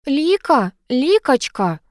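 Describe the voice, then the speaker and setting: A woman's voice: a little high, lively intonation, moderate pace, no echo, clean studio sound, pitched above the performer's own voice, natural voice. A woman voicing a fussy, fawning male cat familiar who talks in an anxious, wheedling way.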